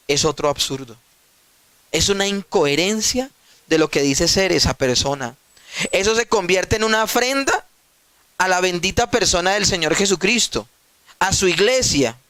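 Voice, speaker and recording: A man's voice: sits high, pushed and bright, no echo. A male pastor preaching a sermon emphatically, putting rhetorical questions to his listeners and addressing them directly.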